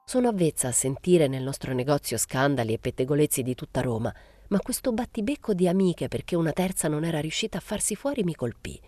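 A woman reading a novel aloud in a measured, plain literary way. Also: low voice, lively intonation, mellow. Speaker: reader.

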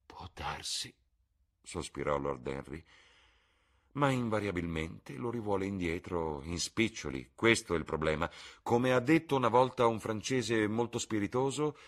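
A man's voice: on the low side, animated, moderate pace, voice pushed up. A man doing a languid, ironic aristocrat. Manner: ironic, epigrammatic.

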